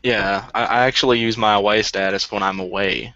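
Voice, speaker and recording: A man co-hosting a live stream, chatting casually in a halting way, trailing off and restarting. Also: lowish voice, fairly even intonation, pushed and bright, dry recording. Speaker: co-host of a live stream show. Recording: dull dry lo-fi sound.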